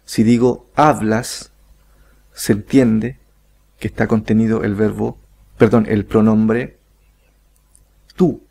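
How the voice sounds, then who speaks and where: Slow, gravelly-voiced male teacher. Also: on the low side, fairly even intonation, mellow. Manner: slow, deliberate, repeats example sentences. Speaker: English teacher. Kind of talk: online grammar lesson.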